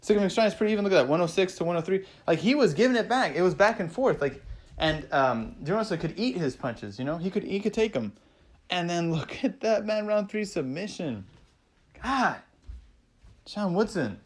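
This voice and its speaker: A somewhat high-voiced man talks through a fight card in a loose, rambling recap. He gets excitable, swears freely and leans on "man" and "you know" as he goes. Now and then he acts out what the fighters must have been thinking. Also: a little fast. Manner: acts out fighters' thoughts in quoted asides. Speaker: MMA vlogger recapping fights.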